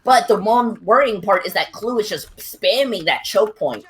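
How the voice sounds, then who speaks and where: A woman casting a live esports match, giving a brisk running call of the action. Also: mid-range voice, expressive. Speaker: esports play-by-play caster. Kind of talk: live play-by-play commentary.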